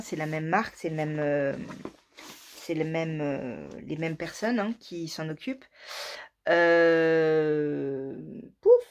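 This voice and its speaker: Woman host, lowish voice, casual self-mocking chat about knitting, frequent half-whispered asides. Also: a little hiss or hum. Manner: chatty, self-mocking, murmurs asides under her breath.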